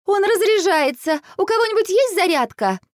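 A woman voicing an excitable young sparrow girl who wails about her phone. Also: unhurried, no room sound, clean studio sound. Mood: shrill, upset. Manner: shrill, wailing.

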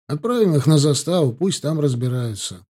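A narrator gives a hurried senior sergeant who sounds practical and a little breathless. His voice is dark and husky. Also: a little high, animated. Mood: urging.

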